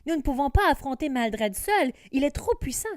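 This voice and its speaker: A woman's voice: sits high, sing-song, normal speed, dry recording, clean studio sound, voice pushed up. A woman voicing an anxious young boy who pleads with his friends, in a storybook reading. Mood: worried. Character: worried young boy dragon master.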